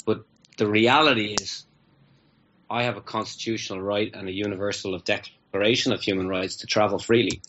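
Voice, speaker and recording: A man, a guest telling a story in a casual, animated way, acting out both sides of each exchange. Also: on the low side, fairly quick. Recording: muffled lo-fi audio.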